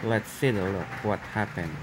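A man's voice: fairly low pitch, fairly even intonation, a little slow, loud music behind the voice, poor audio. Man talking through a sheet mask. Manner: playful, jokey commentary to viewers. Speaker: vlogger. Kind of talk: casual beauty-product try-out vlog.

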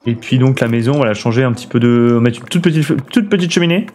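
A man's voice: medium pitch, rapid-fire, darkish tone, slight background noise. A man streaming a building game, thinking aloud and chatting with his viewers in a casual way. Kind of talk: casual let's play commentary.

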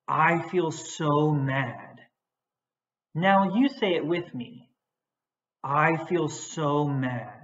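A woman teacher giving a patient, gentle lesson on feelings for young children. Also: lowish voice. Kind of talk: children's social-emotional lesson. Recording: echoey, dull recording.

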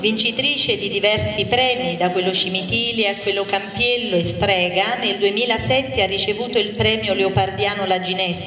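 A young adult woman reading a prepared biography into a handheld microphone at a live event, measured and formal. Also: mid-range voice, bright, forceful tone. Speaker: speaker introducing the guest author. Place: large indoor hall at a public book presentation. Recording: echoey hall from a distance with audience noise.

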